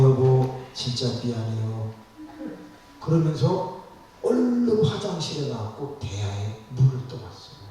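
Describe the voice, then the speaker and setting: A male pastor preaching a revival sermon in a lively storytelling manner. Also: medium pitch, a little hiss or hum. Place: church sanctuary. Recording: echoey church hall from far off.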